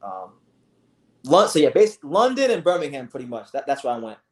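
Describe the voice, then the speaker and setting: A young man from South Florida hosting a casual livestream, talking in an animated way with lots of restarts and swearing. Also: medium pitch, brisk. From South Florida, USA. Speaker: livestream host. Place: home, sitting on a beanbag chair.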